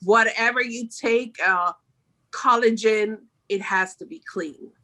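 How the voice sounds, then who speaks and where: A middle-aged Swiss makeup artist answers questions conversationally as a podcast guest. Her voice is a little high, slow, and bright with a forceful tone.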